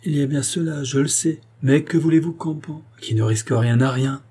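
A proud, anguished queen, as a male reader puts her on in a storybook reading. The voice is lifted well above his own register, mellow and slightly husky, dignified and bitter with a commanding edge. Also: on the high side, a little fast, pitched above the performer's own voice. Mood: resolute. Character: proud anguished queen, woman, middle-aged. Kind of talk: audiobook character voice.

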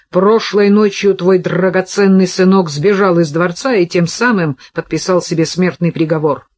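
Reader doing a furious, rasping old sultan. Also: mid-range voice, no echo, close to an everyday voice. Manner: menacing, rasping shouts.

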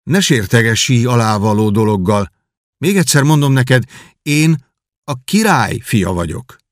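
A man's voice: medium pitch, lively intonation, no room sound, studio quality, natural voice. Guy doing a stubborn little prince, proud and formal, storybook reading. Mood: indignant, proud. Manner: haughty, dignified.

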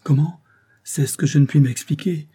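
A frightened, fussy older nobleman, as a male reader puts him on, his voice pushed up high and loud with alarm. He pleads and frets in an agitated rush, with a dark, husky undertone. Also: fairly even intonation, moderate pace.

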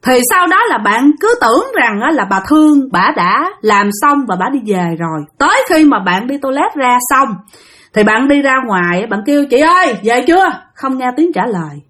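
A woman narrates a ghost story in a chatty way, speaking straight to her listeners. Her voice sits high and swoops through a wide, lively range. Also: moderate pace. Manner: chatty, addresses listeners directly.

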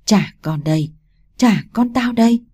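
A menacing ghost mother hisses her demands and threats, put on by a woman reading the story. Her voice is dark and husky, pitched up over the narrator's own tone. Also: lively intonation, a little slow.

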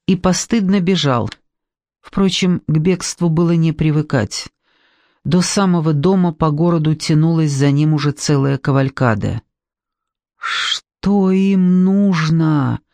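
A woman narrating an audiobook in a measured, deliberate reading. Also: on the low side, mellow, no echo, clean studio sound.

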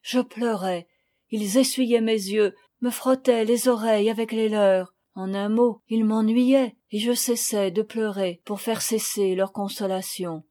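A woman reading a children's novel aloud, with calm, measured storytelling that rises in dramatic moments. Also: mid-range voice. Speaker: audiobook reader. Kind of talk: scripted narration.

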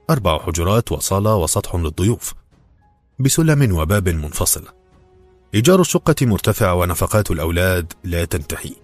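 Male audiobook narrator, deep voice, measured reading, dry close sound. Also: dry recording. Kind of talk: scripted storybook narration.

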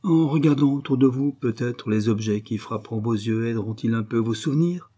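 A man voicing a mysterious armorer who speaks in a composed, ironic way, a little higher than his narration. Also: fairly quick, mellow, natural voice. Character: shrewd, cool mysterious armorer, adult man.

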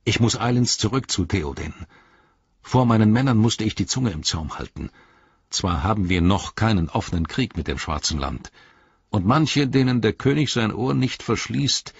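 A man's voice: lowish voice, husky, no echo, highs cut off, exaggerated voice. A man reading as a proud, earnest horse-lord marshal who speaks forthrightly.

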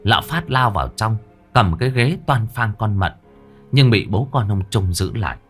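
A man narrating a ghost story in a dramatic, expressive way. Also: on the low side, moderate pace, faint music behind.

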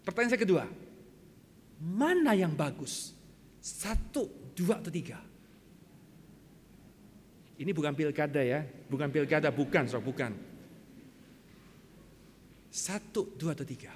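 Pastor guy preaching, high lively voice, gets loud then drops to a whisper, long church reverb. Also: moderate pace, pauses often, slight background noise. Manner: animated preaching, swings from loud exclamations to hushed whispers; asks the congregation questions. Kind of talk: sermon. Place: church hall.

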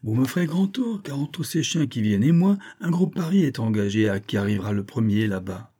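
A man voicing a sly, smooth-talking male fox in a storybook reading, wheedling and cajoling. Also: mid-range voice, expressive, brisk, dark tone. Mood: pleading.

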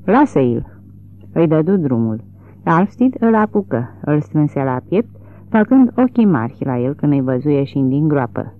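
An audiobook narrator reads a literary novel with expressive, dramatic delivery. The voice is mid-range, and the recording sounds tinny and narrow.

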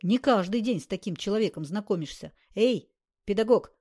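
A woman voicing a loud, boastful male gangster who talks in rough slang. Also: mid-range voice, animated, normal speed, natural voice. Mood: boisterous.

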